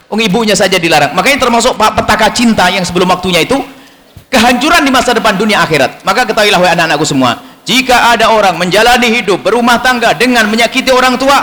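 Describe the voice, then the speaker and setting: A high-voiced man delivers a lively sermon to young students, slipping into different voices to act out conversations. His words come fast, and the sound rings with long reverb from a large hall. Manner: animated, acts out dialogues in changed voices. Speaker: Islamic preacher. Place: school hall with audience.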